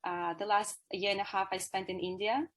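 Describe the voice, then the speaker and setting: A woman, a yoga therapist answering interview questions in an earnest, measured way with many "uh" fillers. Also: medium pitch, little pitch movement, fairly bright tone. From Ukraine. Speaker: guest, Ayurveda yoga therapist.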